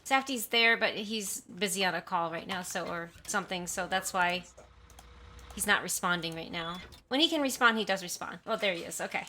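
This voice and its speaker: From a room at home, a woman chats loosely with her livestream viewers, often apologizing as she rambles into a desktop condenser mic turned up to high sensitivity. Her voice is fairly low and sharp at a normal speed, with a little hiss or hum.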